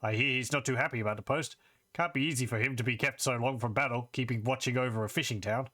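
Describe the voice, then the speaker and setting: Fantasy-game tavern keeper, acted by a man, folksy and chatty, bright middle-range voice. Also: mid-range voice, fast.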